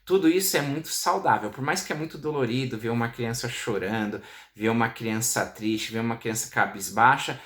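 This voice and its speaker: A man of middling pitch talks parents through advice, speaking directly and circling back to his points. He keeps checking that his listeners are following. The room around him rings with echo. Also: a little fast, few pauses, fairly bright tone. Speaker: parenting educator. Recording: echoey room.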